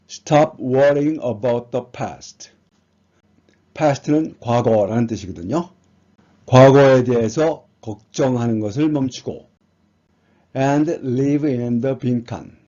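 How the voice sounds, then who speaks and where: An English teacher with a husky, dark, medium-pitched voice leads an exam prep lesson, patiently reading words and explaining each one in turn. The recording has a dull, lo-fi sound.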